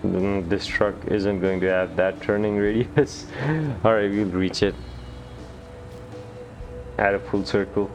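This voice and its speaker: A man giving relaxed gameplay commentary, thinking aloud with hesitant restarts. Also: lowish voice, slow, pauses often, soft background music. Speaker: gamer.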